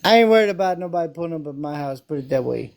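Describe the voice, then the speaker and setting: Southern man, gravelly voice, slightly high, laid-back, laughs a lot, swears casually. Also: animated, racing. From South Memphis. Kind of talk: casual chat.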